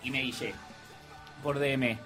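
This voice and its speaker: A man's voice: medium pitch, slow, soft background music. A man with an Argentine accent playing a smug, effusive posh young rich man as a guest on a comedy radio show, rambling and raising his voice. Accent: Argentine Spanish. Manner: rambling, excitable, raises his voice.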